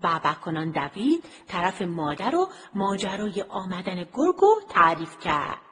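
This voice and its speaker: Lively woman telling a children's story. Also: fairly low pitch. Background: music.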